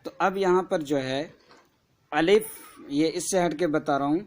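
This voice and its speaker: Man teacher, Kashmiri Urdu accent, slow letter-by-letter spelling drills, slightly high voice. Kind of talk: Urdu alphabet lesson for children.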